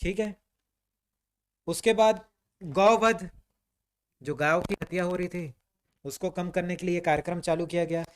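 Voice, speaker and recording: A man's voice: sits high, steady tone, measured pace, long pauses, slight background noise. A man teaching a history class, quizzing students and answering his own questions in a conversational way. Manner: conversational, repeats "ठीक है" often.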